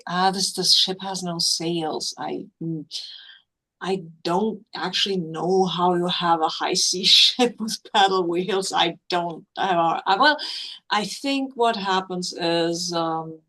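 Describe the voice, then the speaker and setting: Halting woman playing a tabletop game. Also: lowish voice, fairly bright tone. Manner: halting, thinking aloud. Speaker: player. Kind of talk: casual tabletop role-play chat.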